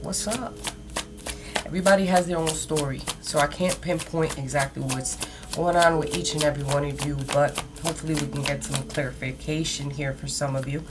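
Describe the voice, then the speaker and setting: A woman's voice: low-pitched, steady tone, fairly quick, noisy background. A woman giving a mystical horoscope tarot reading in a casual, conversational way, speaking straight to her listeners. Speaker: tarot card reader. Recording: loud background music. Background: music, shuffling cards.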